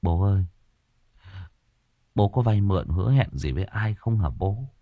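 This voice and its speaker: A shaken young man, voiced by a male narrator in an audio storybook, telling his father a frightening tale in a choked voice. The voice is low, husky and lively in tone. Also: normal speed, no room sound, phone-quality sound.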